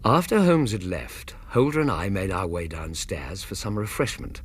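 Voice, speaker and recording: Husky, low British gentleman storyteller, Doctor Watson. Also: expressive, no echo. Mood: wry, reflective. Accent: British English. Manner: measured, wry storytelling. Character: genial, wry Victorian gentleman doctor recounting cases. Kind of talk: radio drama first-person narration.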